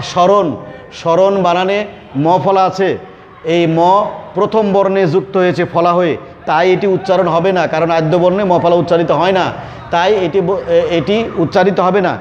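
A man with a fairly high voice teaches an online grammar lesson. He explains each rule step by step and repeats the key words for his students. His voice rings out in a room with a long echo. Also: a little mellow. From Bangladesh.

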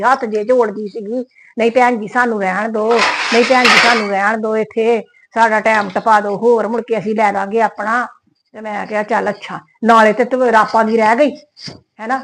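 A woman playing a domineering middle-aged landlady who scolds her tenants. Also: a little high. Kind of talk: skit acting.

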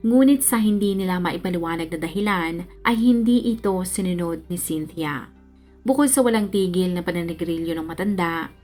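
A woman with a fairly low voice tells a true-crime story in steady, measured narration. Her delivery is scripted and even. Soft music plays faintly behind her.

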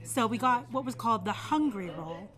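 A young woman with a fairly high, bright voice and lively intonation vlogs a casual food review at an outdoor restaurant patio table. Speaking at a normal speed, she chats through each bite, describing it as she goes. The recording carries noisy patio ambience.

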